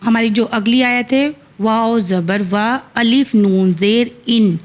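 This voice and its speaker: A woman with a Pakistani Urdu accent teaching Quran reading, spelling each syllable and then blending the words slowly. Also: fairly high pitch, steady tone. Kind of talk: slow letter-by-letter Quran recitation lesson.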